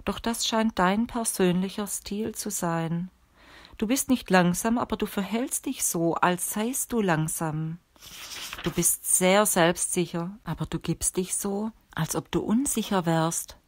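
Woman reading as an old male sorcerer, stern, instructive, measured, lowish voice, dry audiobook sound. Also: no echo, lightly acted.

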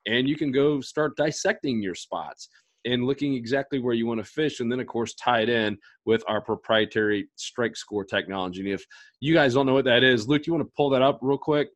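The host, a man in his thirties, delivers a fast, high-energy livestream pitch from his home office, gesturing constantly with excitement. Allergies leave his voice hoarse, and he's recorded on a headset and studio mic.

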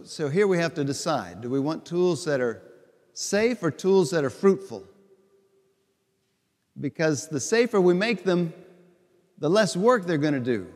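Slow-preaching bishop in a reverberant church. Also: male voice, a little high. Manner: slow, deliberate, conversational preaching with repeated phrases. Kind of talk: homily at Mass. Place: large church sanctuary before the altar.

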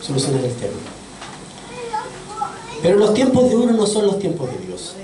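A man's voice: sits high, wildly swooping pitch, normal speed, a crowd in the background. A man preaching a sermon in a church, earnest and asking his congregation questions. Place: church sanctuary. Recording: echoey church audio from far off, faint noise.

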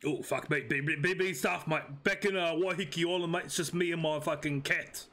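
A crude, hard-of-hearing old Kiwi bloke from a roleplay game, as a man puts him on, all drawled swearing and "mate". The voice sits high and bright, with a twangy edge and a New Zealand accent. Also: fairly even intonation, a little fast. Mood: cranky banter. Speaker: streamer in roleplay. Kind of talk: improvised roleplay in voice chat.

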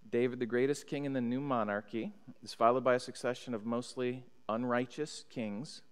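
American pastor teaching in a reverberant church. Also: male voice, medium pitch, clean tone. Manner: teacherly, checks in with listeners, reads scripture aloud. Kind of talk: Bible study lesson. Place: church sanctuary at a pulpit. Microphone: stand mic on pulpit, far camera. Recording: long church hall reverb.

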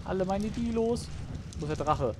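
A let's play gamer with an expressive high voice talks at normal speed, exasperated as he swears at the game and calls to the on-screen creatures. Loud game music sits behind him, along with a little hiss or hum.

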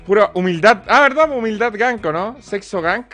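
A man's voice: high-pitched, animated, normal speed, fairly bright tone, faint music behind. A young Chilean man streaming live, chatting with his viewers, swearing freely and joking as he reads out donations. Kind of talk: casual live-stream chat.

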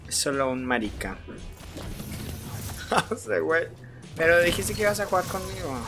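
A low-voiced woman with a Mexican accent, her pitch leaping all over as she coaxes and cheers during a game. She shouts at enemies on screen, and game music plays clearly behind her. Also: moderate pace. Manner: coaxing and excitable, cheering and yelling at enemies. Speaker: gaming channel host. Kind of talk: casual gameplay chat with a child.

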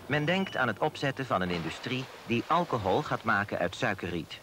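A man giving formal, measured scripted voice-over narration for a documentary. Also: medium pitch, big pitch swings, noisy background. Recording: voice-over with loud music behind.

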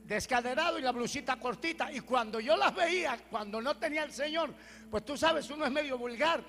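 High-voiced preacher, animated testimony. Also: male voice, fairly quick, big-room sound, slight background noise. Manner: animated storytelling, swinging from loud declarations to hushed prayers. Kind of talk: testimony sermon.

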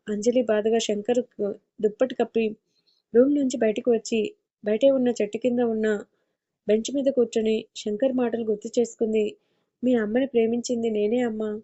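A female storyteller reads an audio story in a steady, emotive way. Her voice is somewhat high, with a dark, mellow tone. The recording is dull and lo-fi. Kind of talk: scripted narration.

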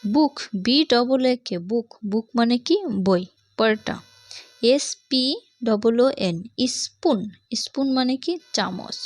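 Bangladeshi woman, patient teacher of young kids, higher voice, dry close recording. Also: animated, slow, a little mellow, no echo. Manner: patient, repeats each point and asks the class questions. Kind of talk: explaining an English reading lesson to young children.

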